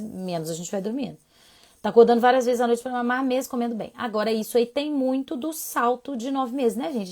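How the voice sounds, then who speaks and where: A woman, a child sleep doctor chatting casually through a live Q&A, animated and talkative. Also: on the high side. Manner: animated, chatty, swinging between soft asides and emphatic bursts. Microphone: phone mic on a social media live stream.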